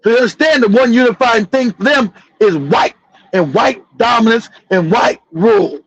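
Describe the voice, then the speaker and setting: A man's voice: extremely high pitch, normal speed, husky, dry recording, muffled recording. A man hosting a livestream talk show, delivering fiery, profane, repetitive commentary. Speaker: show host.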